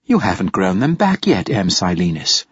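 A man voicing a calm, polite female android servant who speaks in a patient, precise way. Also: low voice, normal speed, slightly rough, no echo, lo-fi sound, full character voice.

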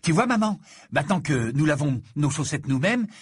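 A man's voice: fairly high pitch, big pitch swings, moderate pace, breathy edge, voice pushed up. A man reading aloud and voicing a breezy, joking teenage prankster in a storybook.

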